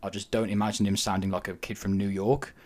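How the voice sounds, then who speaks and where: A man with a lowish voice co-hosts a casual podcast chat. He speaks frankly and opinionatedly, pausing on ums as he thinks aloud. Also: flat delivery, darkish tone. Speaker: podcast co-host.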